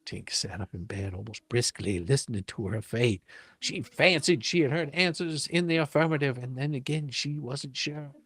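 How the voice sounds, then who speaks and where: A husky, fairly bright mid-range voice belongs to a man dramatically reading a storybook aloud at normal speed. He is animated and theatrical as a storyteller, sprinkling in playful, folksy, ungrammatical embellishments.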